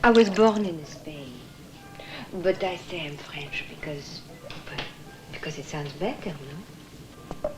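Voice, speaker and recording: An actress playing a flirtatious, teasing singer who talks coyly. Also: female voice, low voice, takes it slowly, pauses often. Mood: flirty. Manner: coquettish, teasing. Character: flirtatious singer, coy and playful. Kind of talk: film acting. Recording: film soundtrack with music.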